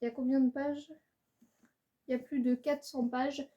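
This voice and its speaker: Hesitant woman with a flat, high voice. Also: moderate pace, muffled recording. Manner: hesitant, many fillers and restarts. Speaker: book YouTuber. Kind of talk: casual book review to camera.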